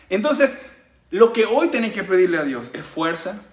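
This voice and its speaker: A man's voice: high voice, big pitch swings, unhurried, echoey room. A man from preaching a sermon as a pastor, earnest and chuckling between points.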